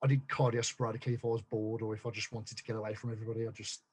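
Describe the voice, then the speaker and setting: A man telling his story as a guest on a podcast, blunt and quick to swear, tripping over restarts. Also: on the low side, little pitch movement, breathy edge. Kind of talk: casual chat.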